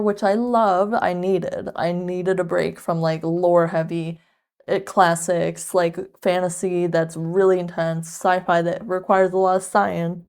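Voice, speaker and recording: Woman, twenties, casual vlog chat, conversational asides, relaxed mellow tone, clean smooth voice. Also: lowish voice. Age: 20s. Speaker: book vlogger.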